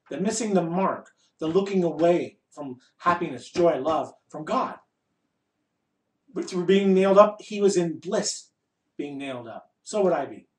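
A man giving an informal spiritual discourse to a group, wry and emphatic, pausing deliberately between short phrases and putting rhetorical questions. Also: high voice. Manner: wry and playful, asks and answers rhetorical questions. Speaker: spiritual teacher leading a group satsang. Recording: echoey room, voice distant from mic.

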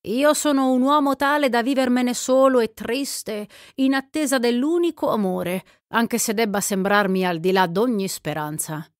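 Woman reading a smooth flattering young gambler, slow and gallant, dry close studio sound, storybook. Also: on the high side, no echo, pitched above the performer's own voice, natural voice.

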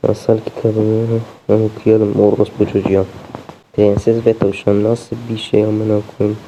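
A man's voice: on the low side, monotone, measured pace, warm tone, slight background noise. A young man commentating a game as he plays, swearing constantly and sounding exasperated. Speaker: gameplay streamer. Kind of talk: let's play commentary. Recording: dull lo-fi sound.

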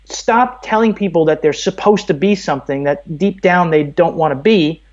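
Speaking at a normal speed in a slightly high voice, the podcast guest from Brooklyn, New York, is in his thirties and has an American accent. His conversational interview is opinionated, rambling, earnest and emphatic, and the sound is lo-fi.

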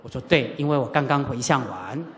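In a lecture hall at a Buddhist centre, a middle-aged teacher from Taiwan delivers a sutra lecture woven with personal stories, talking fairly quickly with lively rises and falls in pitch. The teacher acts out dialogue and keeps asking listeners rhetorical questions, while long hall reverb trails each phrase over a little hiss or hum.

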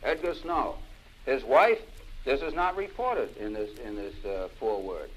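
A man's voice: mid-range voice, sing-song, a little slow, a bit bright, slightly rough, poor audio. A man giving an impassioned political lecture, stressing his points by repeating key phrases, heard from an old vinyl record. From United States.

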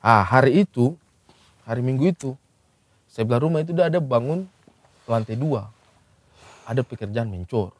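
A man's voice: mid-range voice, darkish tone, no echo. A man from Baubau chatting with friends, teasing them and jumping in with corrections and jokes. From Baubau, Southeast Sulawesi. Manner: teasing, jumps in to correct and joke. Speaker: podcast co-host. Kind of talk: casual chat among friends.

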